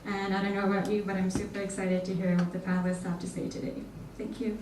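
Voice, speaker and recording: A woman's voice: medium pitch, little pitch movement, fast, very noisy. A young woman from Hong Kong, a student organizer, giving an earnest, slightly nervous prepared welcome speech in a large lecture hall. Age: young adult. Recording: echoey hall from far off.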